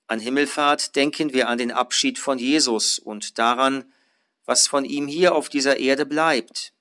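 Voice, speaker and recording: A male pastor giving an earnest, measured sermon, lifting his voice on emphatic phrases. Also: medium pitch, fairly bright tone.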